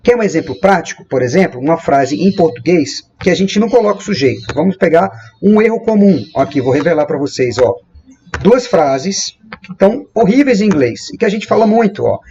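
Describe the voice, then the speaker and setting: A man from Brazil teaching English grammar, lively and repeating example sentences slowly and with emphasis. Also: high-pitched, dull audio. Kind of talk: explaining grammar at a whiteboard.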